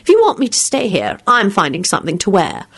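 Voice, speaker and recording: A woman's voice: medium pitch, huge pitch swings, brisk, fairly bright tone, husky, full character voice. A woman reader doing a firm, prim young woman.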